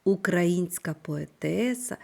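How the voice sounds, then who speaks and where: Slow, lively-voiced woman teacher. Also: fairly low pitch. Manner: slow, clear, instructive delivery with lively intonation. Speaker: primary school teacher. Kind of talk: scripted online reading lesson.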